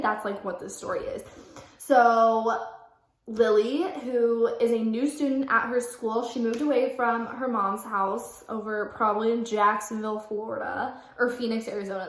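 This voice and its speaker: Chatty young woman in an echoey room. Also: a little high. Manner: self-mocking asides, stops to correct her own reading; chatty, fills speech with "like". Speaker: vlogger. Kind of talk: reading aloud with casual commentary. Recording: roomy echo.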